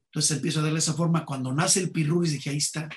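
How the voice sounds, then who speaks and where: A man's voice: a little high, fairly even intonation, rapid-fire. A man with a Mexican accent, a comedian telling anecdotes in an interview and acting out the dialogue. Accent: Mexican Spanish. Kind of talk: interview conversation, storytelling.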